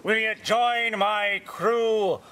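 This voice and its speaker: An actor playing a menacing pirate captain in a stage pantomime, declaiming grandly in hammy style with sudden roars. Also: male voice, high-pitched, fairly even intonation, very slow, exaggerated voice. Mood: gloating menace. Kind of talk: hammy stage acting in a farce. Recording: noisy theatre stage with loud audience.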